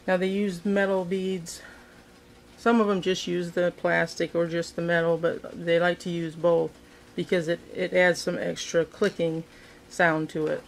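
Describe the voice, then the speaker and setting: A woman talks through a hands-on fishing craft at an indoor table, pausing with ums and restarting her sentences as she works. Her pitch stays fairly flat and level throughout. A faint hum of room noise sits behind her. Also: creaky. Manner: relaxed, thinking aloud with frequent ums and restarts. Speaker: fishing craft video host. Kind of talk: casual how-to demonstration.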